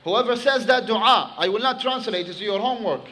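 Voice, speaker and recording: High-voiced man preaching with emphasis. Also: poor audio. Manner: animated, emphatic preaching, recites Arabic quickly. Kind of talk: sermon with storytelling.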